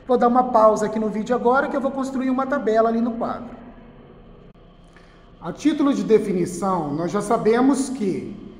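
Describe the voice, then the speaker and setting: A Brazilian man teaching a recorded school lesson in front of a whiteboard, patiently repeating key words slowly and checking in with "tá?". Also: high-pitched. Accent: Brazilian Portuguese. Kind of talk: recorded online class lesson. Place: classroom with a whiteboard. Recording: echoey room with long reverb.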